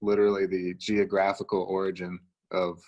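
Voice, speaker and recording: Very deep-voiced laid-back man. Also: completely flat delivery, normal speed, a little mellow, muffled recording. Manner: laid-back, thoughtful, dry humor. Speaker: musician guest. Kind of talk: casual interview chat.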